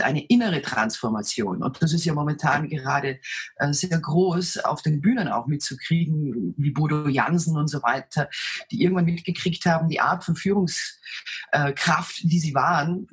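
Woman, very deep low voice, markedly husky and rough, self-assured, commanding, conversational storytelling. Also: lively intonation, moderate pace. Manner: self-assured, dominant presence. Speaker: interview guest, leadership coach and speaker. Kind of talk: conversational interview answers, storytelling.

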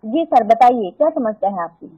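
A woman's voice: a little high, animated, normal speed, breathy edge, dry recording. A woman working as a customer service agent, speaking in a polite, formal customer service manner on a phone call. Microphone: telephone. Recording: muffled tinny phone line.

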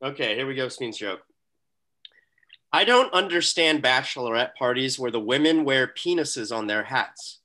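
Man, podcast co-host, casual hesitant chat, bright voice. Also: medium pitch, animated, normal speed. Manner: laid-back, hesitant with fillers.

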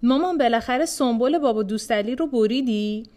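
A woman's voice: fairly high pitch, a little mellow, lightly acted. A woman reading the part of a silly, giggling plump young daughter in a storybook reading. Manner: giggly and foolish.

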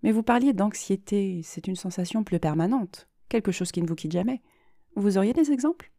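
A woman reading aloud as a reserved female psychologist who speaks in a measured, learned tone. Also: mid-range voice, lively intonation, gravelly, warm tone, no echo, clean studio sound. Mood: composed. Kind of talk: dramatic reading.

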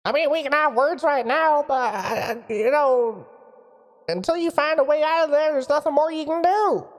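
A woman voicing a frantic, crude old male mage whose booming voice is magically amplified so it resonates across the space. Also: lively intonation, normal speed, in a large hall. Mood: flustered. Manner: shrill, flustered, swearing. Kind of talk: game master voicing a character.

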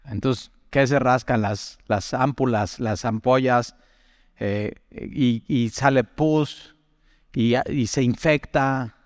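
A man's voice: medium pitch, slow, dry recording, clean studio sound, big-room sound. A man teaching from the Bible in a chatty way, putting direct questions to the listener and telling personal stories.

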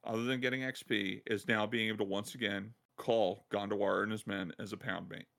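A man hosting a podcast, excitedly retelling a game side quest in casual chat and laughing as he goes. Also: on the low side, fairly quick, creaky. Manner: excited, laughing storyteller who acts out quotes. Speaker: podcast host.

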